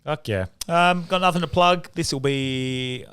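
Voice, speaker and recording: A man's voice: a little high, measured pace, fairly bright tone, smooth. A man co-hosting a podcast, chatting in an informal, matey way. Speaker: podcast co-host. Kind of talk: casual podcast chat.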